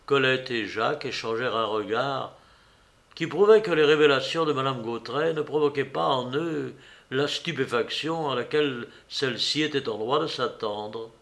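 A man narrating a novel in a steady, calm voice of middling pitch. He moves through the prose evenly, in a plain storytelling manner. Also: normal speed, gravelly. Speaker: audiobook narrator. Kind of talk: reading a French novel aloud.

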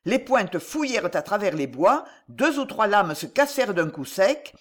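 An audiobook narrator reading a historical adventure novel aloud with expressive, dramatic narration. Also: medium pitch, moderate pace.

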